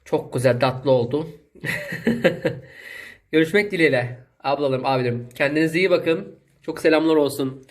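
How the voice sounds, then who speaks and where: Guy with a thick zonguldak accent rambling to his viewers, folksy, bit high voice, echoey room. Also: normal speed, pauses often. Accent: Zonguldak Turkish dialect. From Zonguldak, Turkey. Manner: folksy, rambling, with long shout-outs to viewers. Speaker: cooking vlogger. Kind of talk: casual chat to camera.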